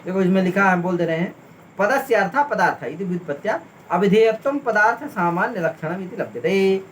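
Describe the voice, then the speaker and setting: In this classroom lesson, a male Sanskrit teacher works through a text, naming terms in turn and asking the class over and over if they've understood. He speaks in a high, expressive, somewhat bright voice at a slightly quick pace, with a little background noise.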